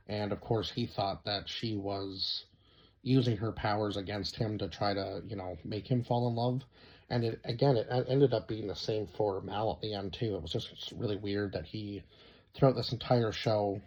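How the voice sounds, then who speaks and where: A man's voice: fairly low pitch, a little mellow, highs cut off. A young man giving a casual spoken review of a show, rambling and often stopping to search for names, with lots of fillers.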